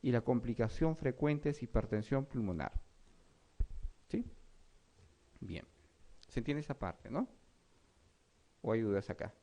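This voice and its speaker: A man's voice: medium pitch, expressive, measured pace, pauses often, dark tone. A man giving an exam review lecture, reading questions and explaining them, often checking in with his students. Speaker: medical lecturer.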